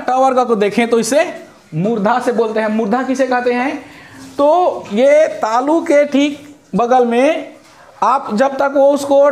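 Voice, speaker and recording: A male teacher giving a lesson on letters and sounds, drawing out each syllable and answering his own questions. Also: very high voice. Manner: explains slowly, asks questions and answers them himself. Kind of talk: classroom lesson on Hindi letters. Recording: echoey room.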